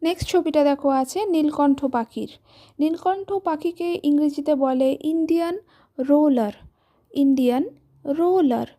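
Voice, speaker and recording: A woman with a Bengali accent gives a children's English lesson. Her voice sits high but sounds mellow and soft-edged. She is patient and spells each word out letter by letter, recorded close to the mic. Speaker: teacher.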